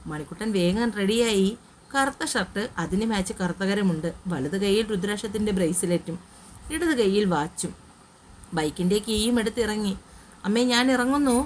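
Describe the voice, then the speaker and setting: Female storyteller, steady even read, mid pitch, romance audio story. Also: a little hiss or hum.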